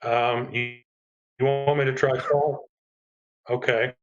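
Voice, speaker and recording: Man, guest doctor, breaking-up video call audio, muffled and distant, halting speech. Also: mid-range voice, level tone. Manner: halting, asks to be heard. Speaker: guest doctor on a live show.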